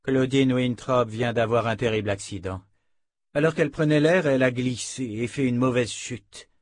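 A man's voice: medium pitch, a little slow, no room sound, clean studio sound, natural voice. Dalton, a man playing a suave scheming nobleman. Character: scheming middle-aged nobleman, suave and ironic.

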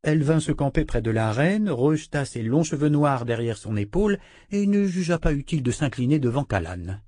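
A man narrating a fantasy audiobook in a measured, expressive reading. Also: fairly high pitch, no echo, studio quality.

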